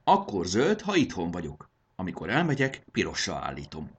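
A man playing a proud, kindly middle-aged train conductor in a children's story, explaining things warmly. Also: low-pitched, wildly swooping pitch, slightly rough, full character voice.

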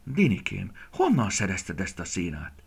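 A man voicing a caring mother roe deer in a storybook, speaking softly and tenderly. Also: sits low, wildly swooping pitch, gravelly, breathy edge, heavily acted. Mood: surprised.

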